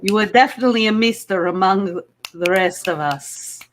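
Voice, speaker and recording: A woman's voice: mid-range voice, normal speed, a little hiss or hum, natural voice. A woman voicing a dramatic Russian bachelorette with a put-on Russian accent in an improv dating-game sketch. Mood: haughty, coy. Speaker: contestant picking a band. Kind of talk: improv game-show comedy.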